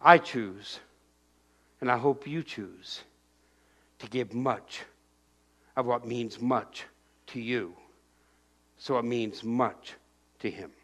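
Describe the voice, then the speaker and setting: The pastor, an older man, speaks slowly at a medium pitch and pauses often during his sermon in the church sanctuary. His preaching is animated: he moves about, gets loud in bursts, points, and shouts out crowd voices he is acting out.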